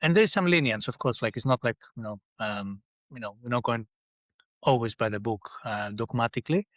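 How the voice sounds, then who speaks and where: A man's voice: mid-range voice, a little fast, a bit bright, no room sound. A middle-aged man from Greece, a guest in a podcast interview, speaking in a thoughtful way with many restarts. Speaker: guest, engineering leader. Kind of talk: conversational interview.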